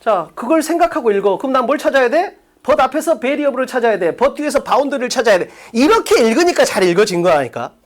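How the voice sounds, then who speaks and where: Blunt, lively high-voiced female English instructor. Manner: blunt, rapid-fire rhetorical questions, insults students with profanity. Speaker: English exam-prep instructor. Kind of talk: lecture on exam reading questions. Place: academy classroom with blackboard.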